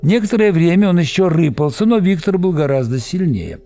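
Male audiobook narrator, expressive storytelling, fairly high voice, faint music. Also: a little fast.

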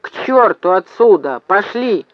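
A man voicing a frantic, bloodied civilian who shouts himself hoarse over battle noise, on a slightly dull recording. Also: high-pitched, big pitch swings, measured pace, no room sound, voice pushed up. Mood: frantic shouting. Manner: shouting, insistent. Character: urgent older male civilian, bloodied and frantic.

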